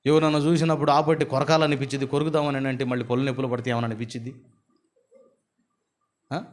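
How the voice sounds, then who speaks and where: A man's voice: medium pitch, flat delivery, fast, close to an everyday voice. A man, voicing a weary, restless man who pours out rambling complaints to a doctor. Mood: complaining. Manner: plaintive, rambling, tumbling complaints.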